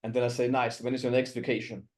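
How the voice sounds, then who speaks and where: A man's voice: mid-range voice, level tone, quick pace, darkish tone. A man from Austria leading a network marketing coaching call, chatty and full of restarts, acting out quoted dialogue. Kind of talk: coaching talk in a group call.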